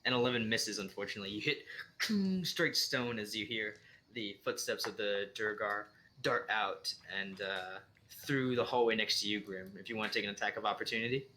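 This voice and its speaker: A man narrating a tabletop role-playing game as dungeon master, relaxed and full of fillers and restarts. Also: on the low side, a little fast, a little hiss or hum.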